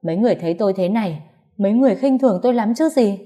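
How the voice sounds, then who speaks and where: Brief: woman playing an embittered sick old mother-in-law, loud, high and hurried, mellow tone. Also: animated, close to an everyday voice. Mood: furious. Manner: shouting, rapid, resentful. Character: bitter bedridden elderly mother-in-law, furious.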